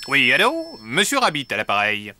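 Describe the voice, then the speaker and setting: A performer voicing a brisk, businesslike male rabbit office worker in a preschool cartoon, with expressive delivery. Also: medium pitch, dry recording, heavily acted.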